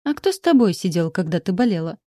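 A woman's voice: brisk, warm tone, no echo, clean studio sound, lightly acted. A woman voicing a whiny, manipulative old bedridden mother who wails and complains. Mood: whining. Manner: plaintive, wailing, shrill.

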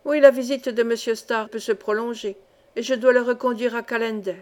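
An earnest, loyal young miner , voiced by a woman reader in an audiobook. He answers respectfully and plainly, in a fairly high voice. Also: steady tone, a little fast, darkish tone, close to an everyday voice.

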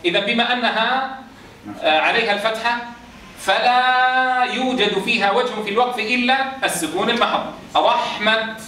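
A man's voice: extremely high pitch, normal speed, sharp tone, slight background noise. Male Quran teacher, quizzes a live class, recorded from a distance in a room with strong echo. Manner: quizzes students, chants verse examples. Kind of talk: recitation rules lesson to a class. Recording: roomy echo, distant mic.

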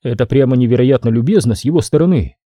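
A weary, restrained detective, read by a male narrator close to his own voice. He speaks in a dry, measured, faintly sardonic way. The tone is very dark and husky, in a dead, dry booth. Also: medium pitch, animated, no room sound, lightly acted. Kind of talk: audiobook character voice.

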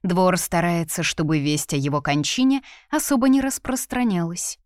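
A woman voicing a proud, charming female elf widow in an audiobook, speaking lighter and higher than her narration. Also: very animated, normal speed, dry recording, studio quality. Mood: composed.

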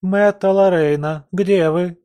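A man reading an audiobook voices a breathless maid calling loudly and urgently for her young mistress. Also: a little high, normal speed, dry recording, pitched above the performer's own voice, natural voice.

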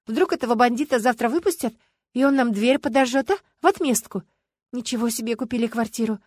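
A fretful, chattering young wife, as a female audiobook reader puts her on, voice lifted a little higher. She talks on and on in a worried way. The recording is close and dry. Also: fairly quick, darkish tone, no echo, close to an everyday voice.

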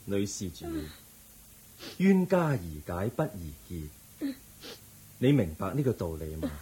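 A serene Buddha in a radio drama, with a low, very mellow voice and Hong Kong Cantonese accent. He teaches with measured compassion and gentle firmness, letting his intonation rise and fall expressively. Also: wildly swooping pitch. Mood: gentle counsel. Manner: measured, instructive, gently firm. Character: the Buddha, calm compassionate authoritative male teacher.

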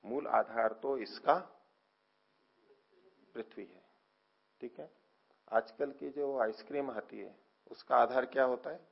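Male teacher, gravelly husky voice, lecturing on scripture; poses and answers his own questions, lets phrase ends fade, dull lo-fi recording. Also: medium pitch. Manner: explains slowly, asks and answers own questions; trails off softly at phrase ends. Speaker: teacher of philosophy.

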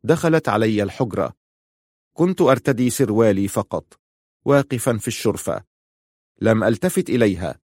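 A man narrating a dramatic story in a measured, deliberate way. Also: on the low side, expressive, darkish tone, no room sound, studio quality.

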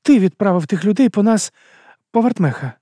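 A man reading an audiobook voices a calm woman researcher who keeps questioning steadily. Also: high voice, fairly quick, pitched above the performer's own voice. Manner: level, persistent questioning. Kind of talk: audiobook character voice.

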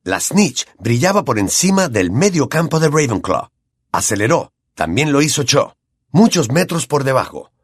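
A man with a Latin American Spanish accent reads an audiobook with lively, swinging intonation at a middle pitch. His voice is husky, and the recording is close and dry. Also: moderate pace, no echo. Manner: expressive, animated reading. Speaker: audiobook narrator. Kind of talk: audiobook narration.

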